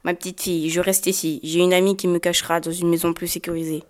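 A woman's voice: on the low side, little pitch movement, darkish tone, lightly acted. A woman doing a protective old grandmother. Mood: tender. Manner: urgent, hurried warnings.

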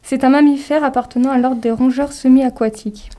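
A woman's voice: high-pitched, fairly even intonation, brisk, dark tone. A woman co-presenting a nature radio programme, reading scripted, informative narration.

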